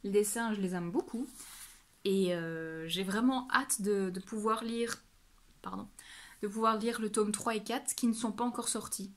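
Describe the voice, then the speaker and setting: A woman's voice: medium pitch, unhurried. A woman giving a casual monthly reading update as a book vlogger. She gushes about what she read and talks off the cuff, often restarting and correcting herself. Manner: gushing and exclamatory about books.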